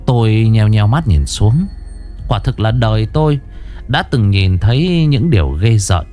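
A man narrating a ghost story in the first person, dramatic and expressive, dwelling on grim details. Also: on the low side, measured pace, soft background music.

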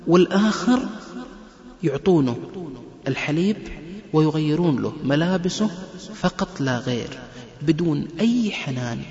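A man's voice: a little high, normal speed, pauses often. A man giving a religious lecture on family life, telling stories and acting out the people in them. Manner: lively storyteller who acts out quoted people. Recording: echoey hall, muffled lo-fi lecture recording.

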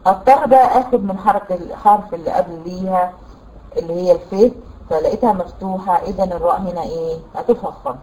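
A woman with an Egyptian Arabic accent teaching a tajweed lesson, explaining rules patiently, quizzing her students and reciting examples slowly. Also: medium pitch, dark tone, rough recording. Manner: quizzes students with rhetorical questions.

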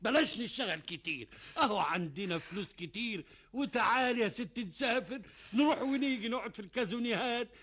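Pleading husband, Egyptian accent, radio drama, husky voice, rapid delivery. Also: male voice, very high-pitched, lively intonation, a bit bright, full character voice. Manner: pleading, eager, talks over his wife. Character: devoted pleading husband Shamis, rich.

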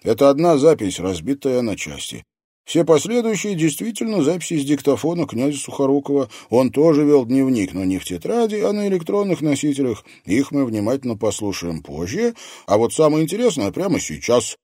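A man's voice: medium pitch, very animated, a little fast, dark tone, breathy edge, dry recording, studio quality, pitched above the performer's own voice. A man reading an audiobook, voicing an impatient, cocky teenage boy. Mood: eager. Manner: impatient, mocking. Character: impatient cocky teen boy, tech-savvy.

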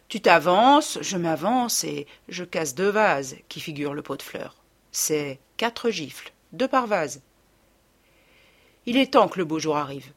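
Low-voiced woman reading a novel aloud. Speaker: audiobook narrator. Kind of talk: scripted literary narration.

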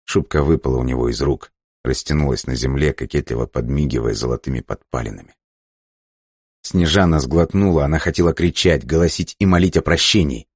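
A man reading an audiobook in slow, measured, somber scripted narration. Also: very deep voice, darkish tone, breathy edge, dry recording, clean studio sound.

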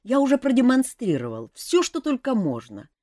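A woman's voice: a little high, wildly swooping pitch, normal speed, dark tone, no room sound, studio quality, voice pushed up. A woman voicing a glum, hungover young male elf prince who sighs and complains plaintively. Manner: plaintive, sighing.

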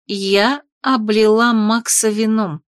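A woman reading an audiobook, voicing a spirited young woman who answers in quick, startled questions. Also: fairly high pitch, steady tone, no echo, studio quality. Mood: exasperated. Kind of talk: audiobook character voice.

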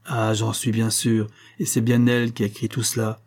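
A man's voice: lowish voice, completely flat delivery, normal speed, a little mellow, close to an everyday voice. A man voicing a sly, servile village simpleton who murmurs insinuating questions.

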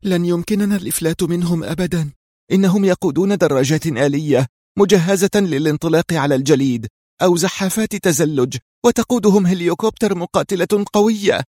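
A man's voice: high-pitched, brisk, a little mellow, no echo, clean studio sound, pitched above the performer's own voice. A man voicing a young woman who is out of breath while running for her life. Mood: desperate. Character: young woman fleeing, panting.

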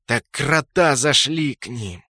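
Guy voicing a pissed-off admin yelling at his buddy, dry mic. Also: medium pitch, lively intonation, takes it slowly, no echo, voice pushed up, exaggerated voice. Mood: irritated, scolding. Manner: scolding and irritated. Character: angry exasperated male game admin.

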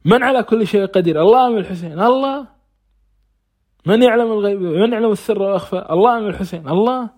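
A religious teacher gives an informal scripture lesson in a high, slightly mellow voice, talking fast. He poses rhetorical questions and answers them himself, reciting scripture between stretches of conversational explanation.

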